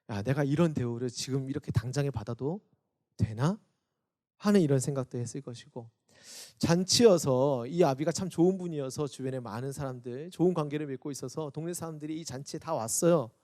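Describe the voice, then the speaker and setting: A youth pastor preaches a Sunday sermon for an online service in a slightly high voice. He acts out quoted voices, rising loud and then dropping soft.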